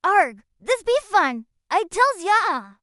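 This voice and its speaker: A woman voicing a hearty, gruff old sailor man who talks in a pirate-style way, in a children's story reading. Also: very high-pitched, very animated, takes it slowly, bright, forceful tone, no room sound, studio quality, exaggerated voice.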